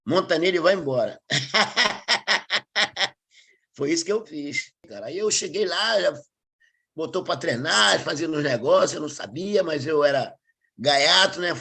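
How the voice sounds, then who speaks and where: A man with a Carioca accent, a capoeira master telling stories in a casual, lively way and acting out quoted voices. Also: fairly high pitch, slow, vocal fry, long pauses, slightly rough. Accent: Carioca Brazilian Portuguese. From Rio de Janeiro, Brazil. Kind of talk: casual storytelling.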